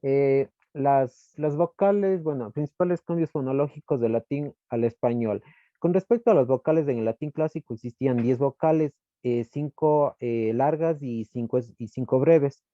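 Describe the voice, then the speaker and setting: A man giving a class presentation from slides, explaining step by step and often pausing to search for words. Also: medium pitch, no echo. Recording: dull lo-fi dry recording.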